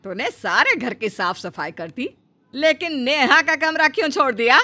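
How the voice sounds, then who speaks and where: A woman's voice: sits high, animated, moderate pace, pushed and bright. A woman voicing a stern, bossy mother-in-law. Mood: scolding. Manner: scolding, commanding. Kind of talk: Hindi cartoon story voice acting.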